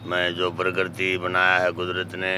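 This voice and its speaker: A man's voice: low voice, monotone, unhurried, bright, forceful tone, slight background noise. A man, an ascetic who solemnly gives blessings and answers questions outdoors. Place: outdoors at a temple fire site.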